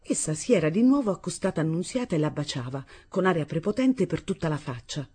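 A woman reading a novel aloud as an audiobook narrator, in a measured, expressive way. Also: sits low, husky. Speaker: audiobook reader.

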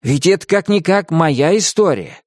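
A man's voice: a little high, animated, normal speed, no room sound, clean studio sound, pitched above the performer's own voice, natural voice. A man voicing a shy boy who speaks hesitantly, correcting himself, in a storybook reading. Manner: hesitant, stumbling.

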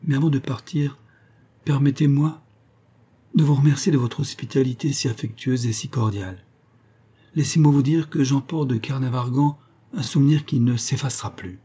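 Guy voicing a lovestruck shy poet in a storybook, earnest, slightly choked, mellow tone. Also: medium pitch, moderate pace, breathy edge, voice pushed up, lightly acted. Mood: earnest, moved. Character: bashful, lovestruck young male poet.

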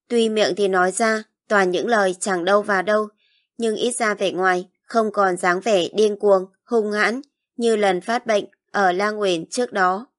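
Woman narrating a storybook evenly. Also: mid-range voice. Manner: even, literary storytelling. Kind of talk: audiobook narration.

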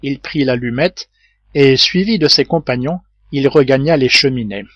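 A man narrating a classic novel as an audiobook reader, in a measured literary way. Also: mid-range voice, fairly bright tone, no echo, dull audio. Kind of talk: scripted narration.

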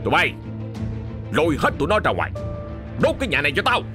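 A harsh, bullying rich landlord voiced by a man sneers and barks at poor peasants, his pitch climbing high and sharp when he shouts. The voice swings widely in pitch. Soft music plays behind the storytelling. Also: huge pitch swings, quick pace. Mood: barking. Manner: harsh, sneering, barking orders. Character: cruel scornful rich male landlord, bullying.

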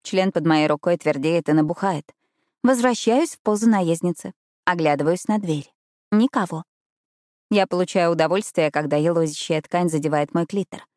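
A woman narrates a first-person romance audiobook in an intimate, expressive way. Her voice sits somewhat low, and the recording is dry and close to the mic. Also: moderate pace, no room sound.

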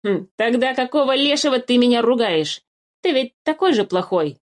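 A woman's voice: fairly high pitch, lively intonation, moderate pace, a little mellow. A woman voicing a small, sly male forest changeling who chatters cheerfully and wheedles without guilt. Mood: sly insistent. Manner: chirpy, wheedling, unbothered.

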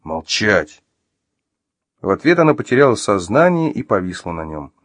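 A man narrating an audiobook with a dramatic, expressive reading. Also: fairly low pitch, quick pace, dry recording. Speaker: audiobook reader.

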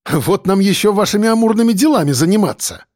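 Man playing a dismissive desk cop, grumbling, raised voice, lively pitch, audiobook. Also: quick pace, no room sound, clean studio sound. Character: bored, lazy male police desk officer.

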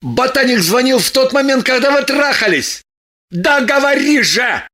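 A woman voicing an excitable, suspicious man with agitated exclamations. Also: high voice, normal speed, voice pushed up. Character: excitable, suspicious young-ish man, her lover.

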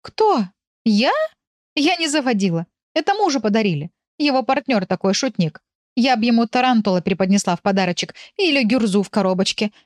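A woman doing a flustered, chatty village lady who complains in a lively, swooping voice. She is heard in a dry, close recording with no room sound. It is an audiobook character voice. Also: fairly high pitch, fairly quick, no echo, voice pushed up, natural voice. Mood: exasperated. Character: talkative flustered village woman, pet owner.

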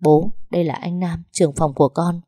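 A woman's voice: lowish voice, steady tone, brisk, warm tone, slightly rough, no echo, studio quality. A woman voicing a reserved, proud young office worker who speaks in a curt, restrained way. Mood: steady.

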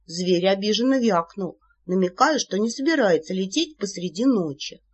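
A woman narrating an audiobook in a playful, animated manner. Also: mid-range voice, normal speed, breathy edge. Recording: slightly muffled recording.

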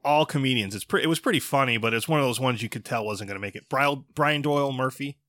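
Man, podcast co-host, casual profane banter, bright tone. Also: mid-range voice, fast, no echo, clean studio sound. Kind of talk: casual chat.

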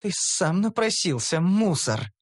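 A man reading an audiobook voices a sharp-tongued young female elf warrior who talks with scorn and scolds. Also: very high voice, big pitch swings, brisk, voice pushed up. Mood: menacing.

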